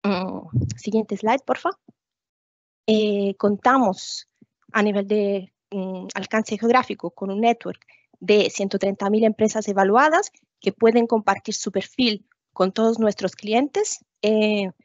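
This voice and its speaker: A woman's voice: mid-range voice, unhurried, no room sound. A woman giving a business webinar presentation over a video call, hesitantly searching for her words. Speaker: guest presenter, account executive. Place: indoor video call, seated at webcam. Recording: muffled video-call audio.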